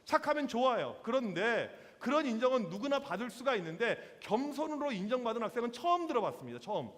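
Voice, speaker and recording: A man in his forties preaches to teenagers as a youth pastor, high-pitched and very lively, slipping into playful voices for the stories he tells. His voice rings with the long reverb of a church hall. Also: fast. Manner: lively, acts out quotes in voices, slangy with teens. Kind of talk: sermon to teenagers.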